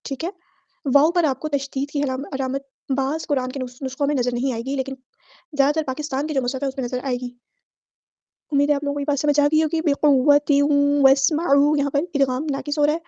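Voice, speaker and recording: A woman teaching Quran recitation rules. She explains each rule briskly in a methodical way, then recites the words slowly and draws out the vowels. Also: sits high, dark tone, no echo. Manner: methodical, repeating set phrases for every letter. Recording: dull lo-fi dry audio.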